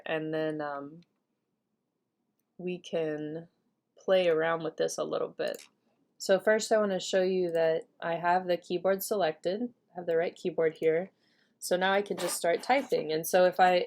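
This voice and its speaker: A woman's voice: on the low side, darkish tone. A woman giving a screen-recorded tutorial, explaining each step in an upbeat way with casual fillers. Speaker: language teacher giving a software tutorial.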